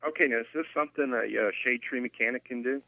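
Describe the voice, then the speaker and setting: A man's voice: medium pitch, steady tone, quick pace, no echo. A male radio caller asking casual questions over a thin telephone connection. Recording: tinny narrow phone line.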